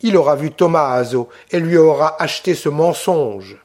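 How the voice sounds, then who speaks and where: A man's voice: a little high, normal speed, a little mellow, close to an everyday voice. A man reading the part of a passionate young Corsican woman who pleads vehemently with her brother. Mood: insistent.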